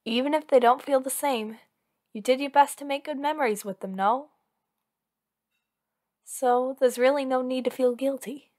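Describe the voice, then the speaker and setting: In a one-sided ASMR roleplay, a woman voices a lovesick female villain who is anxious, clingy and possessive, pleading and insisting on her devotion to her partner in an earnest, intimate way. Her natural voice sits a little high with a darkish tone, moving at a moderate pace with frequent pauses. The mood is soft and reassuring.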